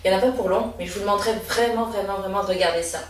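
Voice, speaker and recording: A woman's voice: mid-range voice, rapid-fire, a little hiss or hum. A woman leading a laughter yoga session, guiding a group through vocal sounds and counting with encouragement. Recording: very echoey room, voice from a distance.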